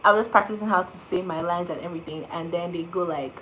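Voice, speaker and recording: A young woman, an actress, answers fan questions in a casual vlog, telling her stories in a chatty, animated way full of "like" fillers. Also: lowish voice, fast, slight background noise, rough recording.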